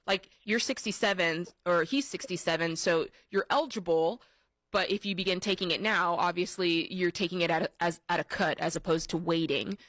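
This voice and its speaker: A woman's voice: on the low side, a little fast, a bit bright, dry recording. A woman co-hosting a call-in advice radio show, asking direct, probing questions. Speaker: radio co-host. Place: radio studio.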